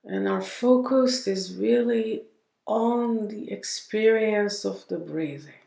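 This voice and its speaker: A woman with a medium-pitched, gravelly voice leads a guided meditation, unhurried and gentle, with long silences between phrases. The sound is roomy.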